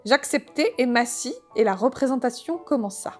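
Woman reading a story with a wry, higher voice. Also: expressive, normal speed, faint music behind. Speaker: audiobook reader. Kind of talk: scripted narration.

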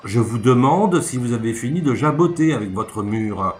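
A man voicing a small, bald country judge who speaks briskly and dismissively. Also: on the high side, sing-song, voice pushed up. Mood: impatient. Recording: echoey room, faint music.

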